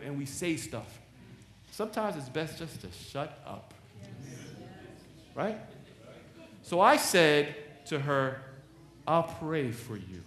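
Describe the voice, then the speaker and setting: A male pastor preaching a sermon in animated storytelling style, laughing and acting out the voices of people in his stories. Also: fairly high pitch. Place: large church sanctuary. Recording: echoey church sanctuary.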